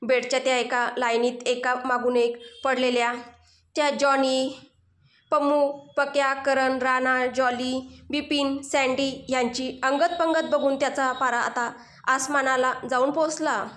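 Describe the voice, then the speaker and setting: A woman narrating a comic story in an expressive storytelling manner. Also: sits high, unhurried. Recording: roomy echo.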